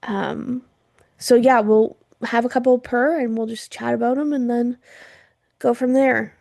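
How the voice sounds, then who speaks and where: Chatty woman with a gravelly voice. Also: a little high, fairly even intonation, a little slow, dark tone, no echo, clean studio sound. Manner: chatty, laughs often, lots of fillers. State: throat irritated from wildfire smoke. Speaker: podcast co-host. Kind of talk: casual chat.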